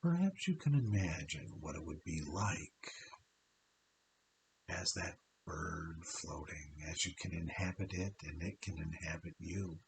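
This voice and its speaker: A man with a very deep voice talks slowly and softly through a guided relaxation, stretching each phrase and leaving long pauses. He slips now and then into a breathy half-whisper. A steady hiss sits under the whole recording. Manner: soft, slow, hypnotic delivery with long pauses and drawn-out phrases.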